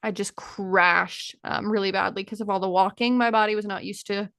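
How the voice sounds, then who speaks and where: A woman's voice: medium pitch, steady tone, normal speed, gravelly, a bit bright, no room sound, clean studio sound. A woman from the Cincinnati area co-hosting a casual live show, chatty, earnest and supportive. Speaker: co-host.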